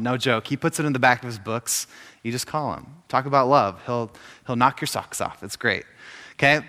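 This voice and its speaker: A man in his thirties delivers an informal sermon with a bright, forceful tone. He tells stories full of jokes and asides. His voice rings with the long reverb of a large hall. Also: medium pitch. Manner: joking, storytelling, lots of asides. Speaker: speaker at a faith gathering.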